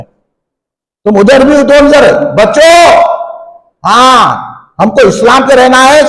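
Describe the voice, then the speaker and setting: A man preaching a fiery sermon at a religious gathering in a function hall. He questions the crowd and rises to shouts. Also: very high voice.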